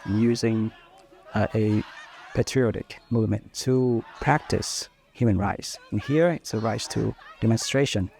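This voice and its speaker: A man in his thirties from northern Vietnam, a native Vietnamese speaker, answering interview questions thoughtfully with frequent pauses and fillers. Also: on the low side, creaky, darkish tone. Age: 30s. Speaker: journalist guest.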